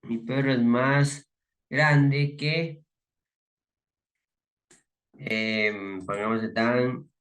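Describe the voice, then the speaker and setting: Male teacher, unhurried, patiently spelling out rules. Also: mid-range voice, fairly even intonation, a bit bright. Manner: slow, methodical, repeats rules step by step. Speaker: English teacher. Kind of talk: slow classroom explanation.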